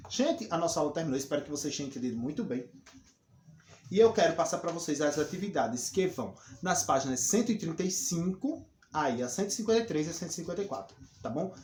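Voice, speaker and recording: A man's voice: fairly high pitch, animated, fast talker, a little mellow. Man teaching in an echoey room. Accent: Brazilian Portuguese. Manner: explains patiently, repeats points, checks with "ok?" and "tá bom?". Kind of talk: recorded classroom lesson. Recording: echoey room with faint noise.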